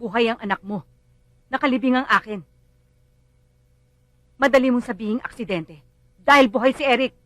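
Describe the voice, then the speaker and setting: A woman's voice: a little high, moderate pace, long pauses, no room sound, close to an everyday voice. An actress playing a bereaved mother who bitterly blames others and lashes out in anger. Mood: cold, accusing. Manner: bitter, accusing, rising to screams. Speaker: grieving mother. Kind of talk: film drama acting.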